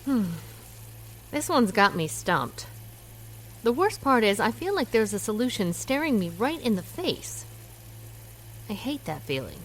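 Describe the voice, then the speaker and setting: In a radio drama, an actress plays a worried amateur detective, a diner owner, narrating her own story in an earnest, wry first person. Her anxious voice sits on the high side with big pitch swings, a little slow and often pausing. The recording is rough, with a little hiss or hum.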